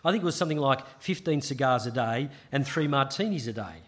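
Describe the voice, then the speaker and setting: A man preaching a sermon, measured and emphatic, with frequent restarts. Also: mid-range voice, expressive.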